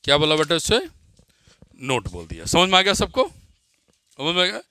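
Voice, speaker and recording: A man with an Indian accent teaching physics, dictating definitions slowly, repeating phrases and quizzing his students. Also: on the high side, wildly swooping pitch, bright, forceful tone, clean tone, no echo. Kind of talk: classroom lecture with dictation.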